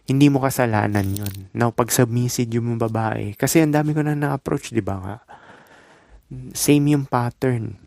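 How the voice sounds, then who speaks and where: A man's voice: mid-range voice, measured pace, gravelly, a little mellow. A man from the Philippines giving casual dating and self-improvement advice in a laid-back, instructive monologue full of short loose phrases and tag questions.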